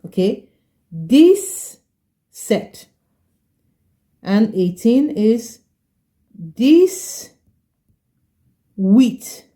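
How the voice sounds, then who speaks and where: A woman teaching a French lesson, explaining patiently and repeating each word slowly, often checking in with "okay?". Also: fairly high pitch, sing-song, mellow. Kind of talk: slow explanatory language lesson.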